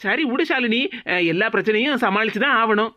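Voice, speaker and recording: A woman with a Tirunelveli Tamil accent voicing a calm, weary elder sister-in-law in a cartoon, with a deep, muffled voice. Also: brisk. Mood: soothing.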